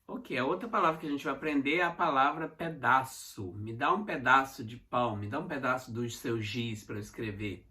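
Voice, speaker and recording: A man from Minas Gerais with a Mineiro Brazilian accent, teaching English words in an online lesson and repeating each one slowly for pronunciation practice. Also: medium pitch, pushed and bright. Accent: Mineiro Brazilian Portuguese. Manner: slow, repeated pronunciation drills with frequent "tá?" check-ins.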